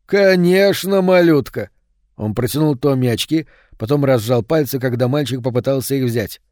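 A man narrating an audiobook with steady storytelling. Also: mid-range voice, a little fast, no echo, studio quality.

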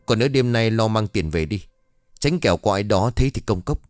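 A man voicing a steady, reassuring young man. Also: fairly low pitch, a little fast, dry recording, clean studio sound, faint music behind, natural voice. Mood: calming.

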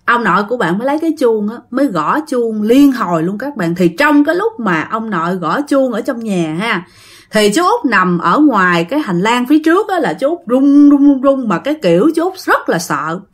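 A woman's voice: on the high side, sing-song, moderate pace. A woman with a Southern Vietnamese accent telling a ghost story, chatty and speaking straight to her listeners. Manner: chatty, addresses listeners directly. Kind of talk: spoken ghost story narration.

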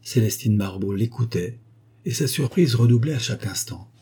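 A man narrating a novel as an audiobook, reading in a steady, measured way. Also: mid-range voice, creaky, slightly rough. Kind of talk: scripted narration.

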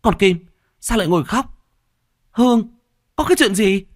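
A man voicing a frantic middle-aged mother in a ghost story, shrill, pleading and scolding. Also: lively intonation, moderate pace. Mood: demanding. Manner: shrill, pleading, then cursing. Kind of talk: storybook character voice.

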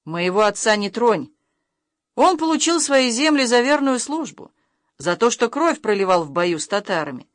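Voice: mid-range voice, very animated, moderate pace, no echo, pitched above the performer's own voice, lightly acted. A reader voicing a proud, defiant young nobleman in an audiobook, speaking firmly with a raised voice. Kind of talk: audiobook reading of character lines.

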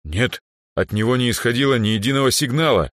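A man voicing a terse, steady elf guard. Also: mid-range voice, fast talker, no echo, studio quality, voice pushed up, natural voice. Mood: calm. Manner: short, calm, firm answers. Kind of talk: audiobook character voice.

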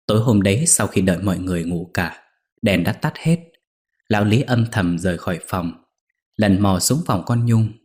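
A man reading a ghost story aloud in a steady, measured way. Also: low-pitched.

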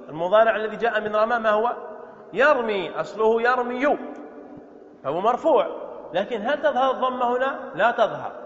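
A man's voice: high voice, fairly bright tone. A man teaching a grammar lesson to students in a lecture hall. He stretches out words, repeats them, and asks questions that he answers himself. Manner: explains slowly, repeating words and drawing out vowels. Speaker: Islamic scholar teaching Arabic grammar. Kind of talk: classroom lecture on grammar verse. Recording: dull echoey lecture-hall recording.

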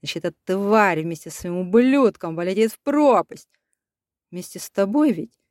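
A woman's voice: mid-range voice, lively intonation, moderate pace, a little mellow, no room sound, close to an everyday voice. A hard-faced armed rescuer, put on by a woman narrator in a storybook reading, clipped and threatening. The sound is dry and close. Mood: cold.

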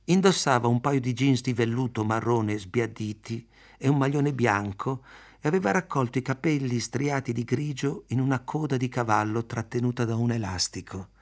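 A man reading a literary novel aloud, in a measured, even storytelling manner. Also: medium pitch. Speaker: audiobook reader. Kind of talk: literary audiobook narration.

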